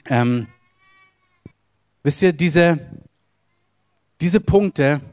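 A man's voice: animated, very slow, no room sound, studio quality. A man preaching a sermon in German, earnest and direct, questioning his listeners and building to raised emphatic runs. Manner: swings between soft lows and raised emphatic runs. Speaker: pastor.

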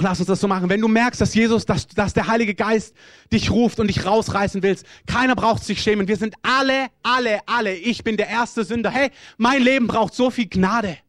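A man's voice: sits high, fairly bright tone, no room sound, studio quality. A man preaching a sermon and leading an altar call and prayer, with urgent, repeated pleading calls.

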